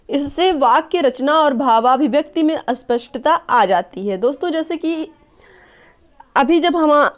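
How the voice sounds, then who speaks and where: A woman teacher giving an online lesson, explaining step by step, addressing viewers as friends and often checking with "clear?". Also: high-pitched. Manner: checks understanding with a repeated "clear?". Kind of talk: online exam-prep lesson. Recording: dull lo-fi recording.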